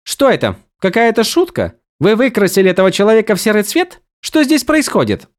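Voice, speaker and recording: Brief: man voicing a young princess, proud and jumpy, shrill high commands. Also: very animated, moderate pace. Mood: indignant.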